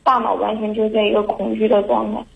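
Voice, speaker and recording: A young woman calls in to a talk show and talks in a halting, anxious way, restarting her sentences again and again. Her voice stays flat and even. The sound is dull and lo-fi, as over a phone line. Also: medium pitch, creaky. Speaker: caller. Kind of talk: call-in confession.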